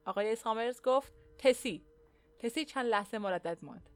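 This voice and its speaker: A woman narrating an audiobook in a measured, even storytelling manner. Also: a little high, no echo.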